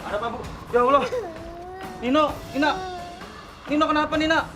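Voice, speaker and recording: A man's voice: extremely high pitch, fairly quick, music in the background. An actor playing a distraught uncle who finds his young nephew, anxious and tearful. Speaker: uncle of the children.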